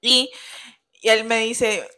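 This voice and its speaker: A woman's voice: fairly high pitch, level tone, slow, bright, forceful tone. A young woman telling her couple's story in a casual chat, chatty and laughing often as she acts out quoted lines.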